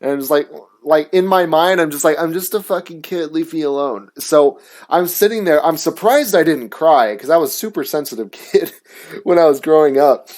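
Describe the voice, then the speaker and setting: A man's voice: fairly high pitch, expressive, normal speed, darkish tone. A young man hosting his own show, telling a story in a casual, aggrieved rant full of swearing and filler words. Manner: profane, filler-heavy, aggrieved. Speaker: show host.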